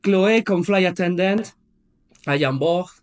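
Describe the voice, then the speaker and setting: A man hosting a casual podcast in French as a second language, with a foreign accent and halting, searching phrasing peppered with English words. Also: sits high. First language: not French. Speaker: podcast host.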